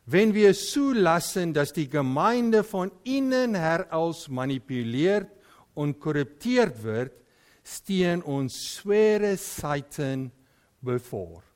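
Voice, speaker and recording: A man preaches a sermon in German with an accent from his first language, Afrikaans, often pausing to search for words. His voice is a little high with a darkish tone.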